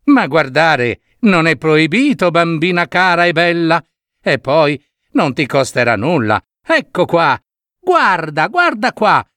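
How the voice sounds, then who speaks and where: A man's voice: big pitch swings, slow, fairly bright tone, no room sound, studio quality, heavily acted. A man voicing a sly old peddler woman in a storybook reading, calling out her wares and coaxing sweetly. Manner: shrill hawker's calls, coaxing.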